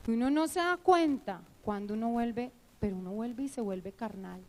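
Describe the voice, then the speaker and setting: A middle-aged woman preaching at church, telling her own testimony in an emotional, animated way with many fillers. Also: a little high, normal speed, low-quality recording. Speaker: church teacher. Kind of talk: sermon with personal testimony.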